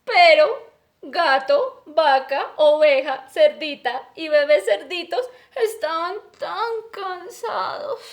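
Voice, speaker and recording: A kindergarten teacher reading a story aloud to young children, animated and affectionate, acting out animal sounds. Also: female voice, high-pitched, slow.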